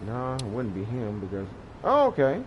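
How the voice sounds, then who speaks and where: A man's voice: mid-range voice, wildly swooping pitch, normal speed, slight background noise, poor audio. A man in his thirties giving casual let's-play commentary, rambling and laughing often as he acts out screams. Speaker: gaming YouTuber. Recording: game music behind voice.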